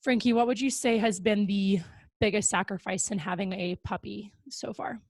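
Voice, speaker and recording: On a close podcast mic with no room sound, a young adult female host chats casually, upbeat and talkative, her speech full of fillers. Her mid-range voice holds a steady tone at a moderate pace.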